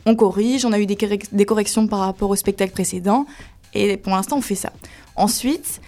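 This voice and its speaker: A cabaret dancer, a woman with a medium-pitched, brisk voice, chats in an interview, explaining her daily routine in detail. She is a lively, talkative explainer.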